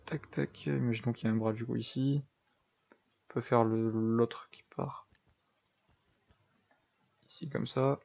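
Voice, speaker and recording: A man's voice: mid-range voice, fairly even intonation, a little slow, creaky, pauses often, darkish tone, highs cut off. A young man giving casual, self-deprecating commentary over a building game, thinking aloud with lots of fillers. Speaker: gaming YouTuber.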